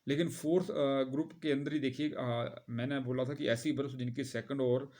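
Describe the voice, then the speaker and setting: A man teaches a grammar lesson to his students in a patient, explaining tone. He calls the class to look at the board, spells out word endings letter by letter, and fills his pauses with hesitations. His voice sits at a middle pitch for a man. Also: steady tone, warm tone. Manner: addresses students directly, spells out words slowly, frequent hesitations.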